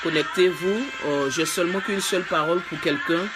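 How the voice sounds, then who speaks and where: Fervent woman preacher over loud music. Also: fairly low pitch, normal speed. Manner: fervent, repetitive preaching that swells to shouting; speaks in tongues. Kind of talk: live-streamed sermon.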